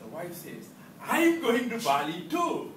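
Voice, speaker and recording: A Malaysian man delivers a humorous prepared speech at an indoor club meeting, theatrical and very lively, with a higher-pitched voice, deliberate pauses and emphatic delivery. He's recorded by a far-off camera, so the sound is distant, echoey and noisy.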